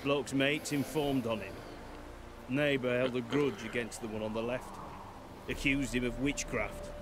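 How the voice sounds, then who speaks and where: A man's voice: mid-range voice, fairly even intonation, unhurried, background noise, natural voice. An actor playing a world-weary middle-aged male soldier in a video game, speaking plainly. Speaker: guard.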